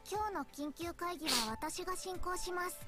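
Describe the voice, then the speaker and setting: A woman's voice: very high voice, moderate pace, pushed and bright. A woman voicing an earnest young office girl in a visual novel game, polite and matter-of-fact. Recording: game music behind the voice.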